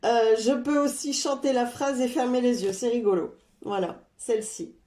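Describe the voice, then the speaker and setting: A woman giving a casual tarot card reading, chatty and unhurried, with many "euh" fillers. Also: fairly high pitch, dark tone, reverberant. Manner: stops to talk to her cat.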